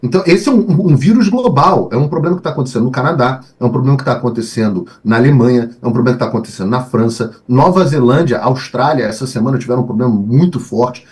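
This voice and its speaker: A man's voice: medium pitch, expressive, quick pace, few pauses, a little mellow. A man answering as a guest on a radio interview, analytical, often restarting and repeating phrases. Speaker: guest commentator.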